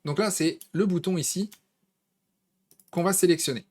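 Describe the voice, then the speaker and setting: A man's voice: high-pitched, moderate pace, a little mellow, slightly rough. A man with a French accent walking viewers through a design tool in a casual, conversational screen-recorded tutorial, with plenty of fillers. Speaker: tutorial host.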